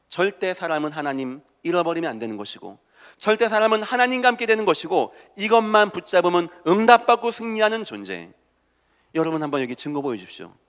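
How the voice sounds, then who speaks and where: A man's voice: high-pitched, clean tone. Preaching man in an echoing church. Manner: preaching with wide swings from loud exhortation to soft hushed asides. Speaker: pastor. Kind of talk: sermon. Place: church sanctuary. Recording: church hall with long reverb.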